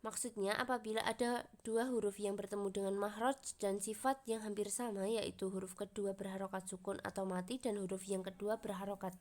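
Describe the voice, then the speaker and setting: A young university student from Indonesia, a woman, presents her coursework in a steady, explanatory read. Her voice sits at an ordinary middle pitch for a woman. She slows down carefully whenever she recites the Arabic examples. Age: young adult. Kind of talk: reading a class presentation.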